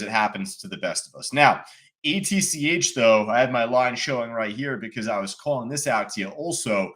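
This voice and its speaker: A man with a lowish, slightly bright voice comments casually on live stock charts as a trading educator. He's chatty and self-deprecating, using fillers like "you know."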